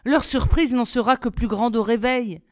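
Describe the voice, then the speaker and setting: A woman reading aloud, voicing an eager, cheerful young prince in a lively, raised voice. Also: fairly high pitch, normal speed, lightly acted. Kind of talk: storybook reading.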